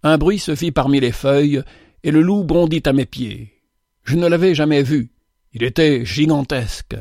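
A man narrating a literary story in a measured, dramatic storytelling manner. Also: a little high, a little mellow, no echo, clean studio sound.

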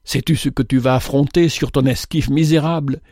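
Man doing a pleading gentle ship captain, urgent and earnest, raised voice, dry sound. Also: mid-range voice, steady tone, normal speed, no echo, natural voice.

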